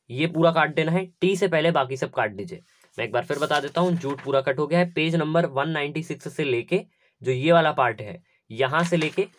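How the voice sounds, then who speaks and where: A man's voice: a little high, a little hiss or hum. A young man, teaching a syllabus lesson step by step and repeating his instructions.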